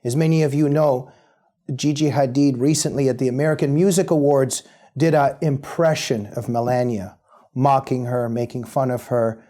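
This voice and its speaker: A man delivering a political commentary monologue as the show's host. He speaks in a measured, pointed way with rhetorical questions, his voice mellow and dark. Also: mid-range voice, fairly even intonation.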